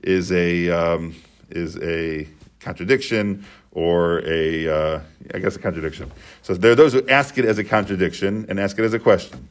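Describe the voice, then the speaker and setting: Man, Talmud teacher, low voice, patient step-by-step explaining. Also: moderate pace. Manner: explains step by step, repeats and restates points.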